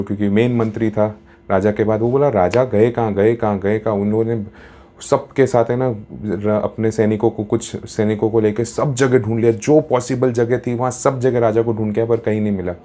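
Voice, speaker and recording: A man's voice: fairly low pitch, fairly even intonation, normal speed, dark tone. A man telling a story in a casual, chatty way, mixing in English words, as a storyteller and happiness coach.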